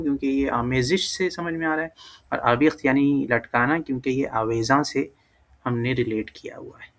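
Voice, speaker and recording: A man talks through a language lesson in an easy, unhurried way. His voice carries a gravelly edge at mid pitch. He thinks aloud, trails off into fillers and stops to correct himself. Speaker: language teacher. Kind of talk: casual screen-recorded lesson.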